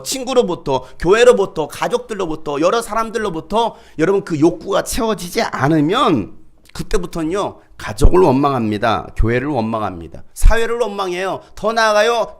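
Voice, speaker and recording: A male pastor preaching a sermon, dramatically acting out people's complaints in raised voices. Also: high-pitched. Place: church.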